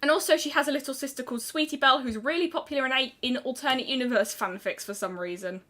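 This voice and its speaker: A young British woman streamer chatting casually while drawing, rambling with quick restarts. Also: high voice, bright, forceful tone.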